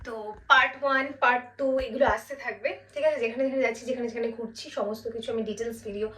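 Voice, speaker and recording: A woman's voice: on the high side, fairly even intonation, rapid-fire, poor audio. A young woman with a Kolkata Bengali accent, chatting casually in a travel vlog and dropping English words into her talk. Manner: talking softly at first, louder on the train. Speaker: vlogger. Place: home, then inside a train carriage. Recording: loud vehicle and room noise behind.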